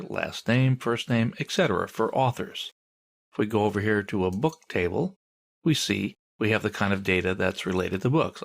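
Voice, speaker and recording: A man's voice: on the low side, gravelly. A male instructor giving a screen-recorded tutorial lecture, patiently explaining and pointing things out on the screen.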